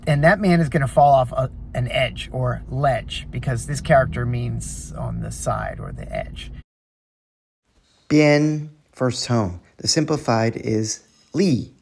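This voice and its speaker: This middle-aged man hosts a relaxed, talkative vlog teaching Chinese characters, drifting into rambling asides. His medium-pitched voice is gravelly, husky and slightly mellow, and he speaks a little slowly. The recording sounds dry.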